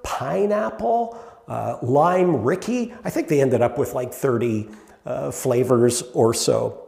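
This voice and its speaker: A middle-aged man preaching a sermon in a relaxed, conversational way, with fillers and rhetorical questions to the congregation. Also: mid-range voice, creaky. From Canada. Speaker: pastor. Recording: echoey hall with long reverb.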